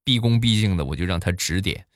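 A man with a fairly low voice tells comic anecdotes in a monologue, his pitch swinging widely as he punches the jokes. The sound is dry and close-miked with no room around it. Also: fast, no room sound. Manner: animated, playful, exaggerated punchlines. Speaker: comedian.

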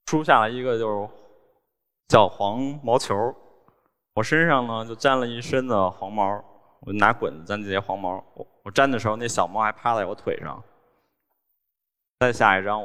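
A man telling wry, deadpan stories from a stage in a large hall. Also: fairly low pitch. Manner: wry, deadpan storytelling with small laughs. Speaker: cartoonist giving a stage talk. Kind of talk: storytelling talk on stage. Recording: long hall reverb from stage.

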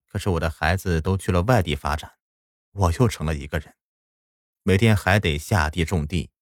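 A man's voice: low-pitched, no room sound, clean studio sound. A man narrating a first-person story in a plain, reflective way.

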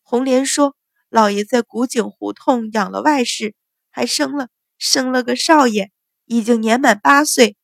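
A woman's voice: unhurried, creaky, dry recording, clean studio sound. Woman voicing a frightened young maidservant. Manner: high-pitched, pleading, stammering.

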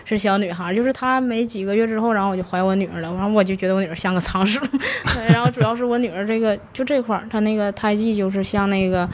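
A quick-talking woman from Northeast China with a Northeastern Mandarin accent, telling stories as an interview guest. She speaks at a mid pitch, breaks into laughter often, and keeps her tales lively and frank. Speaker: guest, mortician. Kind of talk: casual interview storytelling.

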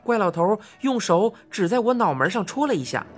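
A woman narrating a children's fantasy story as an audiobook, expressive and rising to cries in excited passages. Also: medium pitch, fairly quick, soft background music.

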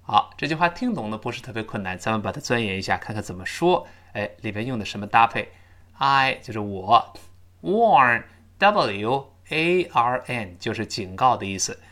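A man teaching an English lesson, drilling pronunciation with slow, emphatic repetitions. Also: on the low side, lively intonation, bright, forceful tone.

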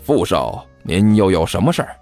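A man's voice: very animated, moderate pace, a little mellow, soft background music. A man voicing a greedy hired thug on the phone who fawns over his paying client. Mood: fawning. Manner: ingratiating, low, eager to please.

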